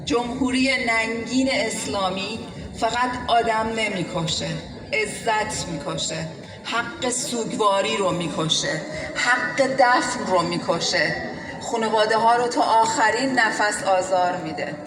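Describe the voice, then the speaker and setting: A woman's voice: medium pitch, fast, noisy background. A woman from Iran giving grave, grieving testimony about her brother's death as a bereaved sister at a public event. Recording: echoey hall with music.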